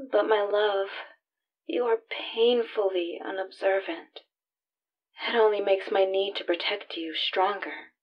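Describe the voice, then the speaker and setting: A woman voicing a calm, possessive female stalker who speaks slowly and intimately, with soft menace, in a voicemail message. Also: mid-range voice, muffled recording. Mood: eerily tender. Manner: slow, intimate, softly menacing. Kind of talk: audio roleplay.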